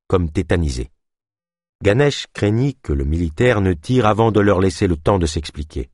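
A man narrating a novel chapter for an audiobook, reading in a measured and expressive way. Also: deep voice, husky, no echo, clean studio sound. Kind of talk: scripted narration.

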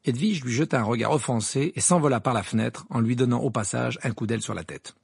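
An audiobook narrator reading a story with an expressive, varied delivery. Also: mid-range voice, fast, gravelly, slightly rough, dry recording, studio quality.

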